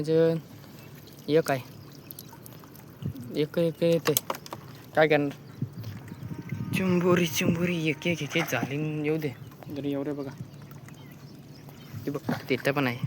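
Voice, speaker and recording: A man's voice: on the high side, fairly even intonation, slow pace, pauses often, background noise. Chatty vlogger man checking crab nets outdoors. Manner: chatty, keeps pointing things out to viewers. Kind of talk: casual outdoor crab-catching vlog.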